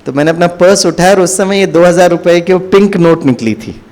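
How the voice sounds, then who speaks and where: Animated male spiritual storyteller. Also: high voice, brisk. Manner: animated, acts out dialogue. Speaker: spiritual speaker. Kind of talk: storytelling talk to an audience.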